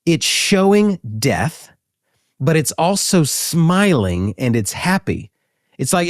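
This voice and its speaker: A man hosting a casual educational talk, animated and joking, with frequent fillers. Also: medium pitch, dry recording, clean studio sound. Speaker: host.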